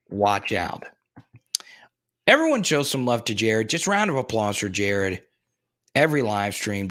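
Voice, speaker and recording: A young man with a fairly low-pitched, fairly bright voice hosts a sports live stream. He rambles casually in his plain, everyday voice as he reads viewers' chat comments and answers them.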